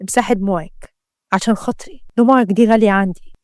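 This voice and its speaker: A woman voicing a protective, tender young man with an Egyptian accent, gentle but quick to threaten. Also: medium pitch, dry recording, studio quality, voice pushed down, lightly acted. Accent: Egyptian Arabic.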